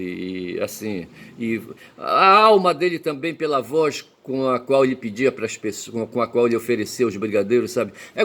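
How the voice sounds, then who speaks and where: Man, mid-pitched, rambling solo commentary, profane and emphatic, dropping to low murmured asides. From Belém, Pará, Brazil. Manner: peppers speech with tag questions; swings between loud emphatic bursts and low murmured asides. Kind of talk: rambling personal monologue.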